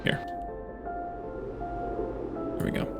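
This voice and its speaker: Soft music sits under a man's fairly bright voice as he draws out his words. Hosting a let's play, he thinks aloud through his game decisions in short, halting phrases.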